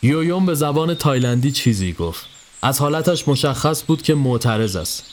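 A man giving a scripted narration of a horror story in a steady storytelling voice. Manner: steady storytelling, dropping low for tense moments. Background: faint music.

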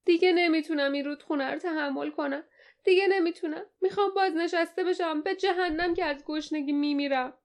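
A woman's voice: very high voice, voice pushed up. A woman voicing a timid male boatman who whines in fear. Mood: whining. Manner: whining, fearful.

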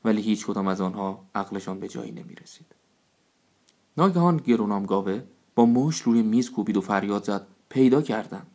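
A man narrates a storybook in a somewhat low voice, keeping an even, measured pace as the tale unfolds. His reading is scripted and calm, with no theatrical flourish.

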